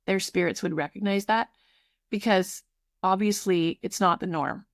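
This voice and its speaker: Effusive woman in her fifties, gravelly edge. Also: mid-range voice, moderate pace, dry recording, clean studio sound. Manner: warm, effusive, restarts sentences. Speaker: tutoring program founder. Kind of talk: casual podcast conversation.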